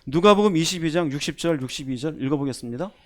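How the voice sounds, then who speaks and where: High-voiced pastor preaching emphatically. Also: male voice, animated, quick pace. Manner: emphatic, asks the congregation questions, acts out voices. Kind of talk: sermon.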